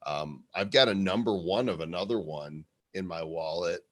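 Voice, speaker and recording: A man's voice: sits low, moderate pace. A man co-hosting a live show in casual, rambling, conversational talk. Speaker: co-host of a show about NFT art.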